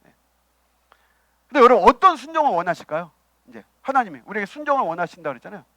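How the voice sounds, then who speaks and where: A man preaching a sermon as pastor, asking the congregation questions and swinging between loud emphasis and quiet asides. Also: sits high, sing-song, fast, no room sound. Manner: preaching with rhetorical questions and acted quotes. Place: church.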